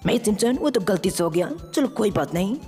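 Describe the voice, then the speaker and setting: A woman's voice: medium pitch, animated, fairly quick, mellow, breathy edge. A woman voicing an earnest young male hero in a fan-made game story, talking to himself as he goes. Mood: determined. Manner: eager, earnest, talks to himself while acting. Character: brave young male hero who turns into aliens. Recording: reverberant with faint music.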